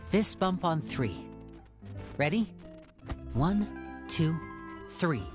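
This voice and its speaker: Suave theatrical young man, lively pitch. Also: very slow, over music, heavily acted. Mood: earnest, conspiratorial. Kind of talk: anime game voice acting.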